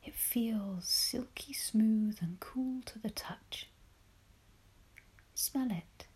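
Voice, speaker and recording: A woman leading a guided relaxation meditation in a soft, breathy spa-like whisper, soothing and gentle, with long pauses. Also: a little high.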